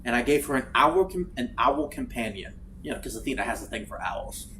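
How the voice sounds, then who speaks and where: A man chatting casually while playing a game, swearing freely and breaking into loud outbursts. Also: medium pitch, a little fast, slight background noise. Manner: animated, swears freely, bursts into shouts. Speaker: gaming streamer. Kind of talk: casual let's-play chat.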